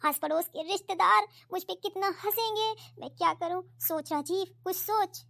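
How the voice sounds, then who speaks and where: A woman's voice: extremely high pitch, moderate pace, vocal fry, fairly bright tone, exaggerated voice. A woman voicing a worried, secretive middle-aged father in a cartoon story. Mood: troubled. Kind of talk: cartoon voice acting.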